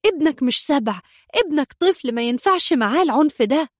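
An anxious young Egyptian mother, her voice pitched up and lively as she pleads and argues, voiced by a woman narrator. It sits close and dry, with no room around it. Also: fairly quick, dry recording. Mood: indignant. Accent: Egyptian Arabic. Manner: pleading, then scolding and indignant.

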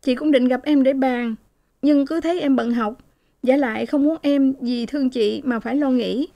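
A tearful, ashamed young wife pleads in a raised, high voice, as a woman reader voices her. The tone is dark and mellow, and the delivery stays anxious and quick to break. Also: gravelly.

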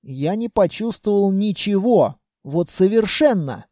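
A man narrating a fantasy audiobook in the first person, wry and animated. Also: high voice, unhurried, dry recording, studio quality.

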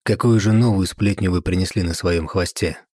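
A man's voice: deep voice, fairly quick, a little mellow, breathy edge, no echo, clean studio sound. A man voicing a cold, contemptuous count who speaks in a cutting way. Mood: cold contempt.

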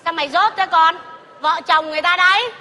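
A woman's voice: very high-pitched, brisk, bright, forceful tone, a faint crowd, slight background noise. A woman acting in a stage comedy sketch, scolding, mocking and dramatic. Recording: long reverb with music behind.

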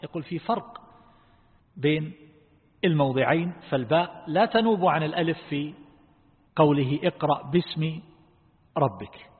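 Quizzing his students as he goes, a male Islamic scholar leads a lesson on reflecting on the Quran, speaking slowly and deliberately. His husky voice is slightly raised and fairly high in pitch. The recording sounds thin, like a phone, with long reverb from the hall.

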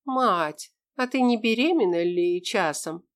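A woman's voice: medium pitch, expressive, slow pace. A woman reading an audiobook, voicing a blunt, bossy woman soldier who scolds coarsely. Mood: teasing.

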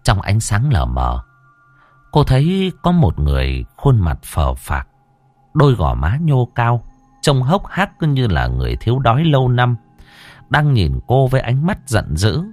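Expressive man narrating a ghost story. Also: mid-range voice, measured pace, dry recording, faint music behind. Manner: expressive, shifting between hushed and lively.

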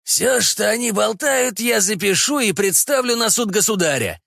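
A man voicing a calm, shrewd male official in an audiobook reading. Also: high voice, creaky, no room sound, clean studio sound, pitched above the performer's own voice, heavily acted. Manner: calm, measured.

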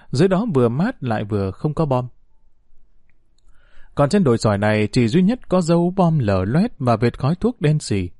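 A man reading a story aloud as narrator, in an expressive storytelling manner. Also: medium pitch, no echo, studio quality.

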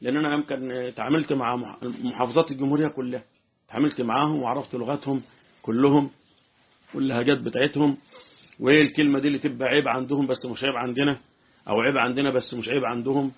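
Talking very fast in a husky, medium-pitched voice with fairly even intonation, an Egyptian-accented sheikh teaches Quran commentary informally. He repeatedly makes sure his audience is keeping up. The audio sounds thin and phone-like.

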